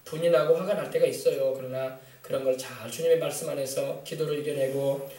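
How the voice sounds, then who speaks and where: A man's voice: mid-range voice, fairly even intonation, brisk, warm tone, recorded from a distance. Emphatic male preacher in an echoey church. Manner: emphatic, colloquial preaching with rhetorical questions. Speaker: pastor. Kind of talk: sermon. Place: church sanctuary.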